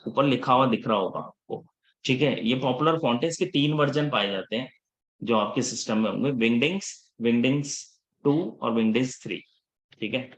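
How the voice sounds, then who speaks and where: An instructor runs a live class in a relaxed, chatty way, moving freely between Hindi and English at a brisk clip. He checks in with the students every few sentences and gently scolds them for missing classes. His pitch is an ordinary middle range.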